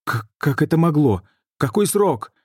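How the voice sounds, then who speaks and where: A man's voice: on the low side, normal speed, warm tone, dry recording, clean studio sound, lightly acted. A man voicing a tormented male mage in an audiobook, urgent and tense. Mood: shocked.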